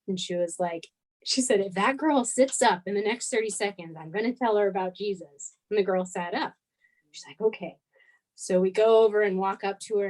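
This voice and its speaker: A woman in her twenties, a guest on an interview, recounting a story in a casual, animated way and acting out the lines people said. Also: medium pitch, poor audio. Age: 20s. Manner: animated, acts out quoted dialogue. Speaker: guest missionary.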